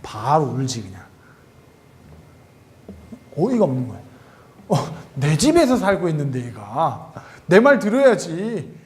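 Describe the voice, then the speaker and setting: Male youth pastor, sermon delivery, lively and expressive, pitched high. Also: measured pace, pauses often. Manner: animated, acts out quoted dialogue.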